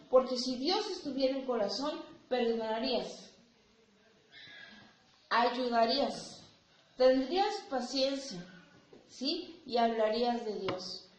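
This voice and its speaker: A woman preacher giving a sermon, speaking deliberately and asking the congregation rhetorical questions. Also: a little high, a little mellow. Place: church hall. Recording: echoey room with faint ambient noise.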